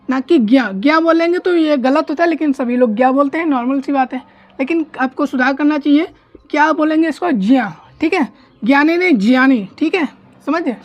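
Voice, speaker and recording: A woman teaching an online grammar class, explaining step by step, drilling pronunciation slowly and often checking that students follow. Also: sits high. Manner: slow, deliberate pronunciation drills.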